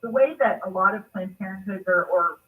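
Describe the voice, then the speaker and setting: A woman's voice: mid-range voice, brisk, recorded from a distance, phone-quality sound. A middle-aged woman from Texas, calling in to a radio show and telling her story candidly and steadily. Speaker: call-in guest. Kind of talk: casual radio interview. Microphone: phone call-in.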